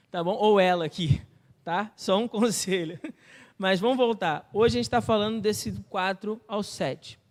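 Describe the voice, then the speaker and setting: A Brazilian Portuguese-accented male pastor preaches in a church with a very high voice. He explains like a teacher and keeps asking his listeners questions. His voice rings out with a long reverb trailing through the hall. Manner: teacherly, asks the congregation rhetorical questions. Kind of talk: sermon.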